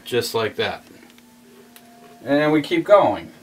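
A man's voice: medium pitch, very animated, slow pace, slightly rough, soft background music. A man casually narrating a step-by-step model railroad how-to while he works at his layout, repeating himself as he explains. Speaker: model railroad hobbyist demonstrating. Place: hobby room at a model train layout.

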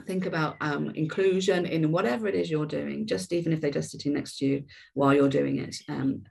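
A woman's voice: low voice, steady tone, a little fast, vocal fry, darkish tone, slightly rough. A woman hosting a care webinar, talking in a conversational way with frequent restarts and repeated words. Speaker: webinar host and care trainer. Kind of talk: informal webinar talk.

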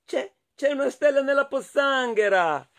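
A small, timid hedgehog from a storybook, voiced by a man, calling out in a high, wondering voice. His pitch leaps up and down with every exclamation. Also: very animated, takes it slowly, fairly bright tone, heavily acted.

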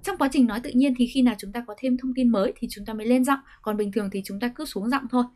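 Vietnamese woman teaching english intonation, kinda high voice, patient and clear, slows right down for the example sentences. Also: darkish tone. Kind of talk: explanatory lesson with spoken English examples.

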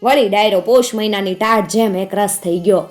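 A woman with a Kathiyawadi Gujarati accent narrating a folk tale in a steady, vivid manner. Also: medium pitch, normal speed, soft background music.

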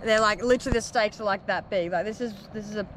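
Young Australian woman, relaxed co-host, mid-range voice, noisy outdoor camera audio. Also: mid-range voice, fast. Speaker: vlogger. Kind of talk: casual camping chat. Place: outdoor beach campsite. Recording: outdoor camera with clear background noise.

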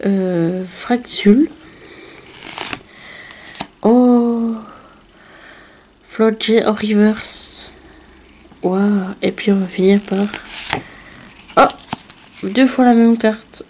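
Woman, slightly hoarse, unhurried casual unboxing chatter, low-key mellow tone. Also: fairly even intonation, slight background noise. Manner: chatty, fond of filler words and small laughs. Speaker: card unboxing vlogger.

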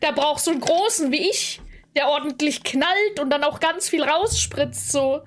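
A woman's voice: high-pitched, normal speed. A woman in a streamer clip, teasing mockingly and boasting.

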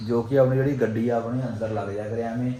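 A man's voice: mid-range voice, fairly even intonation, quick pace, warm tone. A man with a Punjabi accent chatting casually to viewers as a vlog host, exclamatory and teasing, often repeating his phrases. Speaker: family vlogger and host. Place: home, indoors. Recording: echoey rooms with faint background noise.

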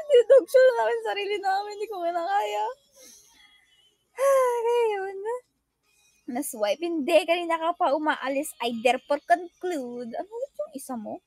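A woman's voice: very high voice, sing-song, unhurried, darkish tone, dry recording. A young woman chatting casually with fans on a livestream, giggly and emotional, mixing English into her talk. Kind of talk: casual livestream chat reading fan comments.

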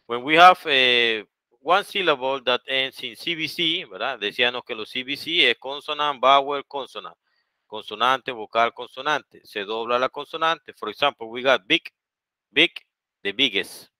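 A man's voice: mid-range voice, bright, forceful tone, smooth, dry recording, rough recording. A man with a Panamanian Spanish accent teaching English grammar, mixing English and Spanish and checking often with "okay?" and "¿verdad?". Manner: speeds up for Spanish translations. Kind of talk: bilingual online grammar lesson.

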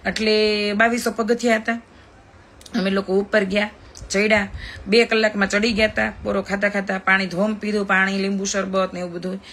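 A chatty social media influencer in her thirties, with a Kathiyawadi Gujarati accent, tells a story on a live video, talking fast and emphatically. Her mid-range voice is a bit bright yet flat in delivery, with slight background noise.

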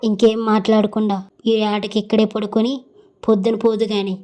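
A woman's voice: mid-range voice, little pitch movement, normal speed, dark tone, natural voice. A woman voicing a stern old grandfather who gives grave warnings in a storybook horror tale.

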